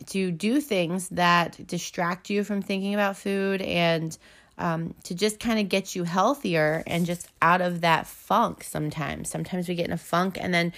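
A young woman hosting a casual motivational talk, earnest and chatty, with many fillers and restarts, slightly out of breath. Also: fairly low pitch. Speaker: host.

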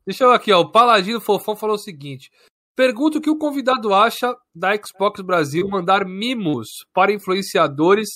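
A man's voice: sits high, lively intonation, moderate pace, sharp tone, no room sound, clean studio sound. A young man with a Brazilian Portuguese accent co-hosting a live stream, chatting casually with slang and swearing.

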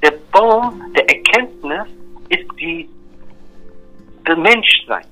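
Emphatic bright-voiced man explaining faith. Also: high voice, lively intonation, slow, soft background music, low-quality recording. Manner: emphatic, repetitive, checks in with "ja?" and "verstehst du?". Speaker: religious explainer. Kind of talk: earnest one-on-one religious explanation.

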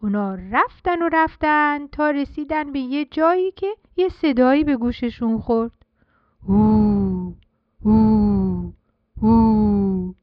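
A woman's voice: high voice, lively intonation, dry recording, highs cut off. A woman hosting a children's program, reading a storybook aloud in a sing-song storyteller manner, speaking to the kids.

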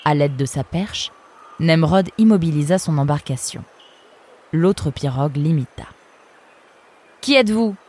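Low-voiced woman reading a storybook. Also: moderate pace, dark tone. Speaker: audiobook reader. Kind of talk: storybook narration.

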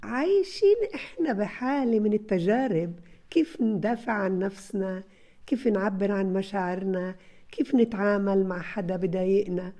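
A woman's voice: mid-range voice, normal speed, mellow. A woman, a parenting advisor giving advice to parents and acting out little scenes as she talks.

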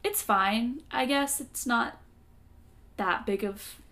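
Young adult woman, podcast co-host, heavy vocal fry, casual and wry delivery. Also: a little high, slow, pushed and bright. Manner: chatty, wry, hedging with fillers.

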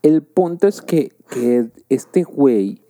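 A man's voice: mid-range voice, expressive, slow, warm tone, no room sound, clean studio sound. A young Mexican man co-hosting a podcast, telling a rambling, profane story packed with fillers. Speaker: podcast host.

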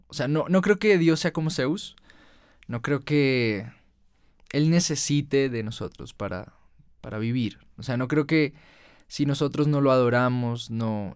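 A man's voice: medium pitch, darkish tone, clear, resonant tone, no echo, clean studio sound. A young man delivering an emotional personal monologue as a podcast host, earnest, with his voice climbing when he recalls his anger.

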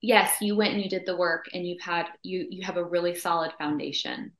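A woman hosting a podcast interview, talking in a candid, chatty and animated way. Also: fairly low pitch, fairly quick, lo-fi sound. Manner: chatty, candid and animated, acting out quoted thoughts. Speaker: podcast host. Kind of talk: casual conversational interview. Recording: roomy echo.

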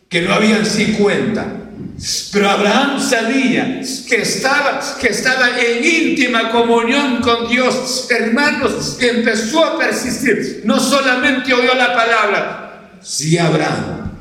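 Pastor, male, high and unhurried delivery, emphatic sermon, caught from afar in a booming, reverberant church. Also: sharp tone. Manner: emphatic, repeatedly addresses the congregation as brothers. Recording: very echoey hall, distant mic.

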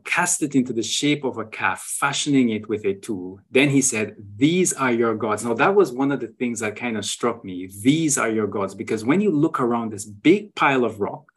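A man's voice: mid-range voice, expressive, moderate pace, husky. Man explaining with frequent "right?". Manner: tag questions, frequent restarts. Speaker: guest sharing travel photos. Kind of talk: conversational explanation.

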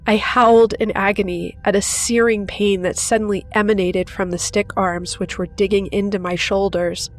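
A woman hosting a horror story channel, narrating in a steady, measured storytelling voice. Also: mid-range voice.

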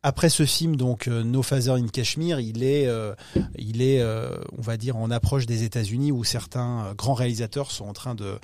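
A man's voice: mid-range voice, steady tone, normal speed, darkish tone, dry recording. A man talking about upcoming films in a podcast interview, hesitant, with many fillers and restarts. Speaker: film distribution executive.

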